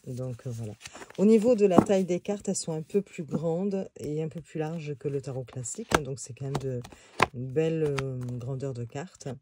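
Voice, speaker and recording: A woman's voice: low voice, normal speed, very noisy. A woman casually reviewing a tarot deck on video, talking in a hesitant way with many fillers and restarts.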